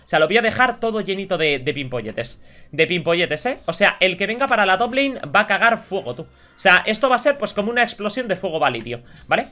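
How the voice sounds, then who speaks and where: Bright-voiced young Spanish man commentating a game. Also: high voice, big pitch swings, fairly quick. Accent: Spain. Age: 20s. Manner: mock-polite, slangy and crude. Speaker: gaming streamer. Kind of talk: live gameplay commentary. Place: indoors at a gaming desk.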